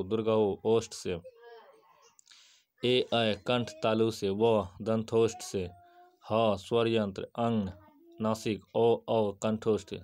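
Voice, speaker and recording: A male teacher with a fairly low voice gives an exam-prep grammar lesson. He recites definitions and examples in a steady, list-like way and answers his own questions.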